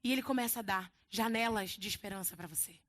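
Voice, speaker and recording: A woman with a Brazilian Portuguese accent preaching a conversational sermon to a church congregation, animated and full of casual asides. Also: mid-range voice, quick pace. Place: church service before a congregation.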